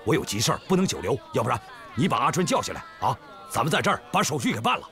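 An actor playing a blunt, hot-tempered army general in a period TV drama, talking plainly and bursting into shouts. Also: male voice, mid-range voice, very animated, very fast, soft background music. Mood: urgent. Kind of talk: TV drama acting. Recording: film soundtrack with crowd noise.

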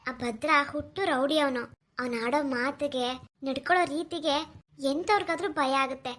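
A woman voicing a gentle young village woman in a cartoon, soft, earnest and close to tears. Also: sits high, moderate pace, natural voice. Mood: worried. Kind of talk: cartoon voice acting.

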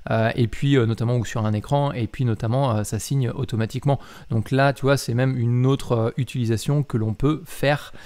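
A man's voice: medium pitch, a little mellow. Hesitant man, casual tech talk. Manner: hesitant, many filler sounds and self-corrections; reads aloud while commenting. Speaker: mobile app developer reviewing a software update.

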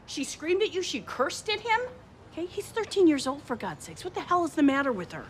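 A woman's voice: high voice, wildly swooping pitch, a little fast. A woman acting in a film comedy as a combative, indignant middle-aged mother with an American accent, accusatory and repetitive. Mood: angry. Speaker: actor. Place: covered outdoor school yard. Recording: background noise of an outdoor location.

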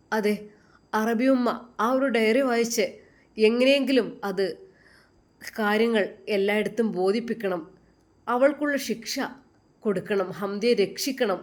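Emotive woman storyteller. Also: medium pitch. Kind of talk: dramatic story narration.

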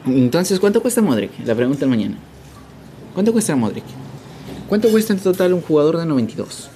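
A man's voice: a little high, very animated, a little fast, slight background noise. A man streaming a football game live, calling plays like a sports caster and repeating phrases in chant-like bursts. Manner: playful hype shouts.

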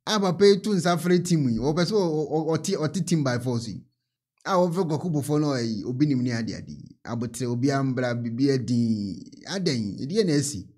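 A man's voice: medium pitch, a little fast. A man in his thirties with a Ghanaian accent, reacting to a video in casual commentary and laughing often. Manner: laughing, animated, mixes in English. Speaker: reaction host. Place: small indoor studio. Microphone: mic on a stand.

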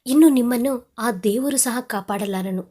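Older father voiced by a woman, alarmed, husky, audio story. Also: on the high side, unhurried, warm tone. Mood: angry. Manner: alarmed, then angry. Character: anxious older father of the family.

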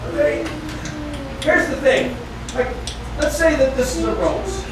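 A middle-aged man from the northeastern United States leads a kids' Sunday school lesson, telling the story slowly and asking the children questions. He is picked up by a camera across a very echoey church classroom. A clear background hiss sits under his voice. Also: very high voice, animated. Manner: storytelling, asks the children questions, gestures and moves around. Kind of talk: Bible lesson for kids. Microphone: far camera. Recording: echoey room from far off with noisy background.

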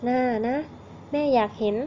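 A woman's voice: moderate pace, mellow, a little hiss or hum, close to an everyday voice. Woman doing a fangirl mom, sweet and pushy, lo-fi sound. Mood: pleading. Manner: gushing, coaxing. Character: doting middle-aged mother, excitable fan.

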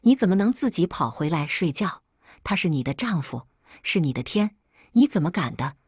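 A woman voicing a bullying middle-aged mother-in-law who scolds in a shrill, accusing way. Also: sing-song, normal speed, darkish tone, breathy edge, dry recording, clean studio sound, exaggerated voice. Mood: scolding.

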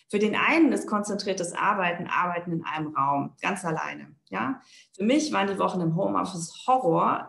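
A woman's voice: fairly low pitch, a bit bright, reverberant. A woman architect giving a conference keynote over a video call, talking in a thoughtful, loosely structured way with frequent "ähm" and checking "ja?".

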